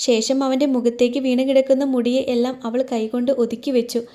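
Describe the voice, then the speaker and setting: A woman storyteller reads a romance story aloud in a soft, even way. Her voice sits a little high and sounds mellow and warm. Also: fairly quick. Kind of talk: scripted narration of a romance story.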